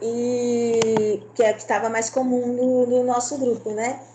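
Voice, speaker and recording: Slow flat Brazilian woman student. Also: on the high side, background noise. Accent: Brazilian Portuguese. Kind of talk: class presentation.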